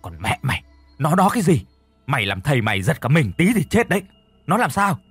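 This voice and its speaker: A scornful old grave robber barks his words, pitched high and loud above the storyteller's usual voice, as a male narrator puts him on. His tone is husky, and quiet music hums underneath. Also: big pitch swings, fairly quick, dry recording, full character voice. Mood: scolding. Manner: barking, mocking.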